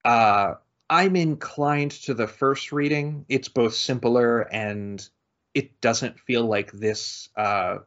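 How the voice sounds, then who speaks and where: A man's voice: medium pitch, slow, fairly bright tone. A man co-hosting a casual podcast discussion, thoughtful and hesitant, often restarting his sentences. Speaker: podcast co-host. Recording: dull lo-fi audio.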